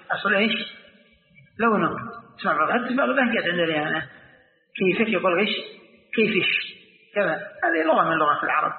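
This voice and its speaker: A man teaching a lesson on Quran commentary. He asks his students questions and repeats the key phrases. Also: fairly high pitch. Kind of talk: classroom lesson. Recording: tinny, echoey hall recording.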